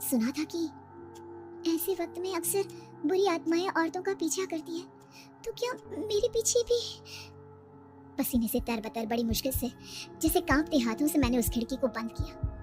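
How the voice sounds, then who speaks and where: A woman's voice: high-pitched, normal speed, over music. A woman narrating a first-person horror bedtime story in a tense, suspenseful way. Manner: tense, breathless suspense telling. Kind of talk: dramatic scripted horror narration.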